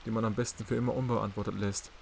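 A man voicing a polite, calculating male psychiatrist in an audiobook, soft and measured. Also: on the low side, level tone, vocal fry, a little hiss or hum. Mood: soothing. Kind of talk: audiobook character reading.

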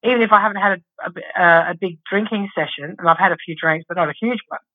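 A woman's voice: on the low side, quick pace. A woman co-hosting a podcast, chatting casually in a rambling way and swearing now and then. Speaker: podcast co-host. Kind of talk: casual chat. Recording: dull lo-fi sound.

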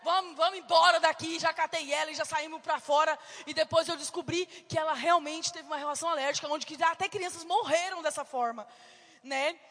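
A woman preaching a sermon and telling testimonies, fervent and emphatic, with sudden shouts. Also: high voice, fairly even intonation, fairly quick, in a large hall. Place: church hall.

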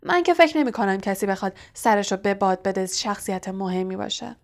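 A woman's voice: mid-range voice, gravelly, lightly acted. A woman voicing an arrogant, sneering schoolboy bully who taunts and mocks in a storybook reading. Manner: mocking, taunting.

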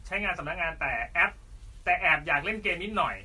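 A man co-hosting a casual tech Q&A show, briskly reading out viewer questions and joking along. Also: sits high, bright, forceful tone, far from the mic.

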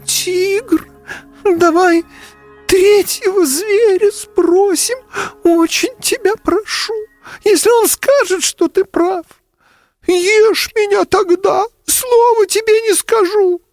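A timid little storybook fawn pleads in a thin, high, shaky voice. The voice sits far above a grown man's speech and begs with every phrase. Faint music sits underneath. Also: slow, no echo, heavily acted. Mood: tearful. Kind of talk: storybook reading.

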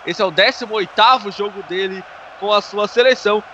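A man's voice: high-pitched, fairly quick, bright, forceful tone. A Brazilian man giving live football analysis as a co-commentator, explaining plays and often adding little checking tags. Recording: dull noisy sports broadcast.

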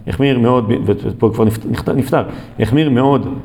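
A male Torah teacher gives a recorded lesson in a room. His voice is mellow and soft-edged, and he pauses often on long filler sounds as he thinks. A faint hiss of noise sits behind him. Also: mid-range voice. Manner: hesitant, many drawn-out fillers.

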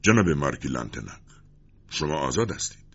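A man's voice: rumbling low, slightly rough, lo-fi sound, exaggerated voice. A man voicing a resolute young commander. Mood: calm. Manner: calm, resolute. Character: young noble-hearted male commander.

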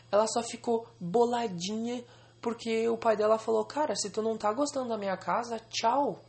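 Gravelly young man ranting angrily. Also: sits high, a little mellow. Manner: angry, venting, swearing. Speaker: podcaster. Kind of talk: solo podcast rant. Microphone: home recording, alone.

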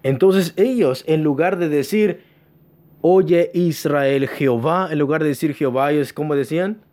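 A man's voice: fairly high pitch, mellow. A man preaching a teaching sermon in church, often asking the congregation questions, answering them himself, and telling them to pay attention. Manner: stresses key words by slowing down. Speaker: pastor.

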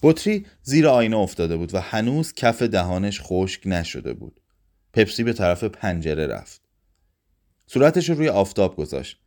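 A man reading a literary short story aloud in a measured, expressive way. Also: fairly low pitch.

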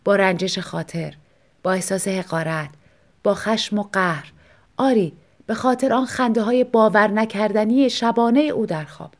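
A woman narrating a translated short story for an audiobook, with measured, expressive storytelling. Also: mid-range voice.

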